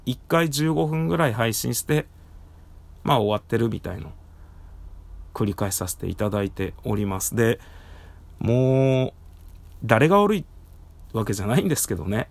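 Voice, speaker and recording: A man with a hoarse, worn-out throat chatting casually on his own as a podcast host, speaking slightly muffled through a face mask. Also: medium pitch, big pitch swings, normal speed, pauses often, no room sound. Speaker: podcast host and live streamer. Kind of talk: casual solo talk. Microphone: recorded through a face mask.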